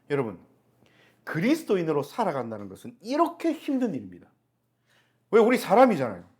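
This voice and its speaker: A man's voice: a little high, husky. A middle-aged male pastor preaching a Sunday sermon, asking the congregation rhetorical questions and answering them himself.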